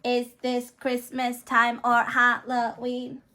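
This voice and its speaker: A beeping male robot sidekick, played by a woman in a cheerful home video. The voice sits a little high and bright, and it stays robotically flat. It speaks in slow, even robot tones. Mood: robotic. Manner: flat robotic monotone with beep-boop noises.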